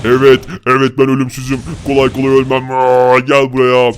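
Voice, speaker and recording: A man voicing a huge, hot-tempered male Hulk brute in a game role-play, talking in a gruff, threatening, bullying way. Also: medium pitch, completely flat delivery, brisk, a little hiss or hum, pitched below the performer's own voice, lightly acted. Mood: angry, threatening.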